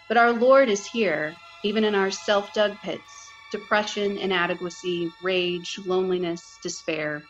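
A woman on a podcast reading aloud a short meditation she wrote, in a slow, measured way. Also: medium pitch, a bit bright. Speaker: podcast guest panelist. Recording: dull lo-fi audio with faint music.

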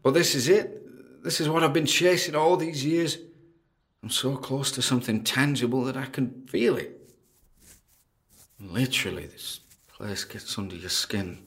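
In an audio drama, an actor voices a nervous yet driven paranormal investigator recording himself alone, speaking haltingly to his listeners. His gravelly voice sits at medium pitch with a slightly bright edge, full of apprehension. The mood is fearful but determined.

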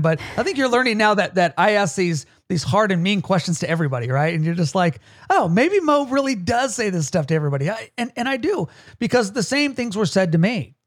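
A man's voice: high-pitched, no echo, clean studio sound. A man hosting a podcast about leadership, talking casually, laughing often and tagging his points with "right?". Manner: chatty, laughs often, keeps asking "right?". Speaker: podcast host and leadership coach.

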